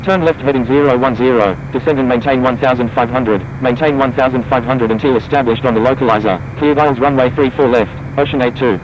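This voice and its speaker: A man's voice: medium pitch, fairly even intonation, brisk, few pauses. A man voicing an airline pilot reading back instructions over a cockpit headset radio, with clipped, formal phrasing. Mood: calm. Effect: pilot radio call over a cockpit headset. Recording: muffled radio with clear background noise.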